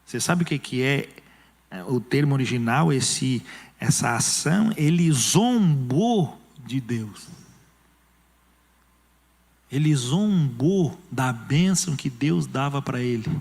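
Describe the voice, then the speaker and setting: A man's voice: mid-range voice, expressive, takes it slowly, gravelly, a little mellow, breathy edge. A male pastor with a Brazilian Portuguese accent preaching an emphatic sermon, acting out quoted voices. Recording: long church hall reverb.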